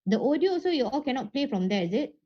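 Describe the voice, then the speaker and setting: A woman's voice: sits high, very animated, quick pace. A woman teacher with a Malaysian accent talks casually to an online class, using colloquial Malaysian slang and tag words like lah and ah. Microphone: online call. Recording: muffled, noisy online call audio.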